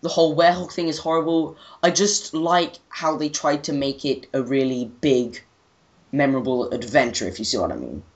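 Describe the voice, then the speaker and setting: A young adult co-host of a gaming retrospective chats casually and off the cuff, hesitant and rambling, often repeating words. The recording is muffled, and his voice is mid-range at normal speed.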